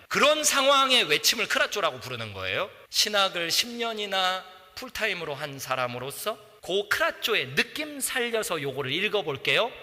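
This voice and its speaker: A middle-aged man preaching a sermon as a pastor in a church, animated, acting out voices and shouting at times. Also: high-pitched. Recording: long church reverb.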